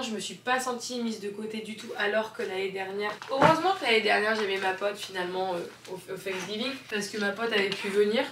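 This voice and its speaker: A woman's voice: medium pitch, noisy background. A young woman in her twenties from France with a French accent, chatting casually to the camera in a vlog, mixing English words into her talk. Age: 20s. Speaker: vlogger. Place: home interior, kitchen. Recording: roomy home with background music.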